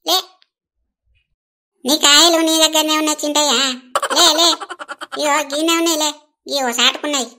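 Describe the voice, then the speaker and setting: A woman's voice: high voice, steady tone, normal speed, pauses often, bright, forceful tone. A woman playing a teasing village grandmother with a Telangana Telugu accent. She coaxes and teases her grandson. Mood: coaxing. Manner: teasing, coaxing.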